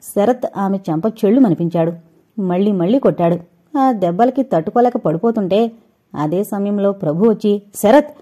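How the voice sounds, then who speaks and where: A woman reads an audio novel aloud in a steady, even storytelling voice. Her tone is mellow and warm, of middling pitch. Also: moderate pace. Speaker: narrator. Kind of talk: scripted audio novel narration.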